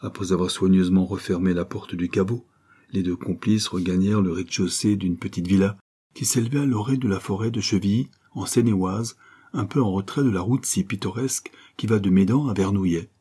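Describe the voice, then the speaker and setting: A man reading a novel aloud as scripted narration, in a measured and dramatic way. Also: sits low, dark tone, breathy edge. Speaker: audiobook reader.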